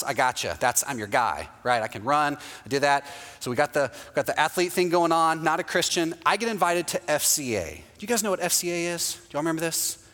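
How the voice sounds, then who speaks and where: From the pulpit, a man from Texas tells a story with quoted voices, often checking in with the congregation by asking "right?". His voice is medium in pitch and a bit bright, with long hall reverb.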